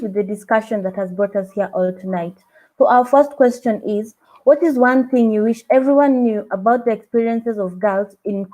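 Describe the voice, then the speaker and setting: Woman moderator on a webinar call, mellow, a bit high. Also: rough recording. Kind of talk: hosting a webinar panel. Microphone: video call.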